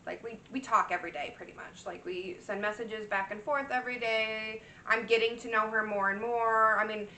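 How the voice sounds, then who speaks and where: A woman in her thirties, a cross-stitch vlogger, shows her projects in a rambling, chatty way full of fillers and restarts. Her voice sits on the high side, steady, bright and forceful but slightly worn, at a moderate pace with few pauses. The echoey room, distant mic and a little hiss or hum colour the audio.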